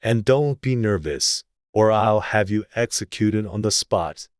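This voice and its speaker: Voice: mid-range voice, expressive, unhurried, dry recording, clean studio sound, natural voice. A narrator voicing a pompous, bossy storybook King who gives blustering commands in court. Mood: pompous, commanding. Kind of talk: dramatized storybook character voice.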